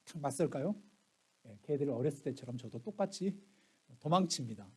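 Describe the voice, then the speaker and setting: A middle-aged man preaching a sermon as pastor, telling family stories and acting out quoted lines, swinging from soft asides to loud exclaims. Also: mid-range voice, animated, fairly quick, slightly rough.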